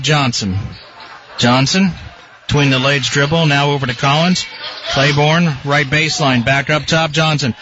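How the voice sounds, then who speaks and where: A man doing live play-by-play basketball commentary as a radio announcer. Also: a little high. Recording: dull radio feed, loud gym noise. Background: gym ambience, bouncing basketball.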